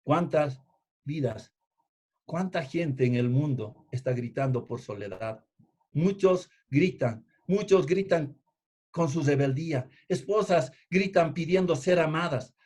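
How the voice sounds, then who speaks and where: A man preaching a sermon, emphatic, repeating key phrases and swinging between loud and hushed delivery. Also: a little high, slightly rough. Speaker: pastor.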